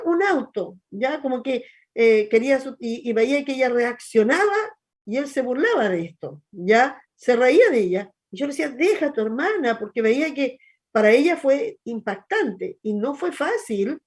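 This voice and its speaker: A woman's voice: high voice, animated, moderate pace, darkish tone. A middle-aged woman pastor with a Chilean accent, chatting and telling stories in a hesitant, conversational way. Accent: Chilean Spanish. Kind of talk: church talk show, teaching chat.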